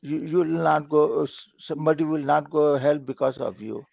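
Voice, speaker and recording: A man calling in to a live call-in show over a call line, speaking haltingly in simple, broken phrasing with many repeated words. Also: a little high, fairly even intonation, creaky, no echo. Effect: call-in caller heard over a lo-fi call line. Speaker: call-in caller. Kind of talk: casual debate on a call-in stream. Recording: dull lo-fi call audio.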